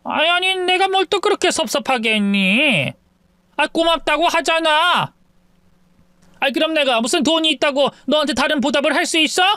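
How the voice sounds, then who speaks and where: A man's voice: very high voice, expressive, normal speed, sharp tone, no echo, studio quality, pitched above the performer's own voice, exaggerated voice. A man voicing a stingy, defensive older mother-in-law with grumbling, dismissive retorts, in a dramatized storybook reading.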